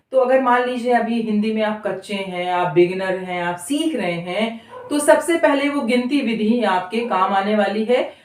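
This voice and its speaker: A woman teaching beginners to read Hindi, sounding words out syllable by syllable and drawing them out. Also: fairly high pitch. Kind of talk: slow spoken lesson. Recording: echoey room, voice from a distance.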